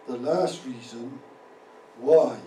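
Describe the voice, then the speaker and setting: A man's voice: medium pitch, slow pace, dark tone, distant mic, slight background noise. A middle-aged man preaching a sermon as pastor, pressing his points with rising emphasis and sometimes ad-libbing. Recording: roomy echo, speaker away from the mic.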